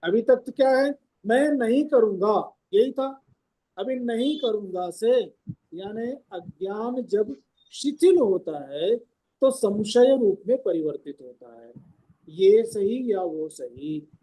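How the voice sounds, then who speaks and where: A man teaching a scripture discourse at an ashram. He speaks loudly and emphatically and explains the verses term by term. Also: high voice, lively intonation, slow, poor audio. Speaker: spiritual teacher.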